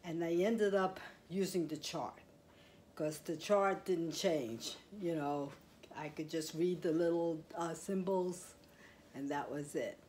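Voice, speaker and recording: This woman talks slowly in a low, slightly mellow voice, showing off her crochet at home in an easygoing, rambling way with fillers and little laughs. A clip-on mic picks her up indoors, where it's quiet apart from slight background noise.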